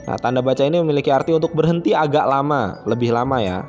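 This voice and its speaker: A man's voice: medium pitch, quick pace, darkish tone, faint music behind. A man who is a primary school teacher, giving a friendly, chatty online lesson to children and often starting phrases with a filler.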